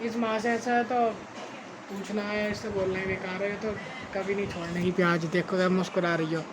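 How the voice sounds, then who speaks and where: A young man narrating his daily vlog at home in a casual, chatty way, filling his talk with "bhai" and "theek hai" and sometimes dropping to a hush. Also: high voice, level tone, a little fast. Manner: drops to a hushed voice at night. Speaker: vlogger. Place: family home and rooftop. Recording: noisy home phone recording.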